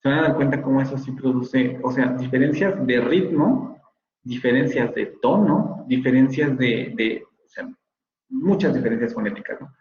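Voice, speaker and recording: A man's voice: mid-range voice, normal speed, lo-fi sound, a little hiss or hum. Man lecturing in a roomy room. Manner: patient, explanatory, repeats words to model pronunciation. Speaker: university phonetics professor. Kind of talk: online lecture.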